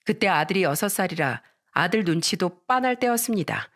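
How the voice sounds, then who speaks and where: A woman narrating a listener-submitted family story as a storyteller, in a steady confessional manner. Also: on the low side, fairly quick.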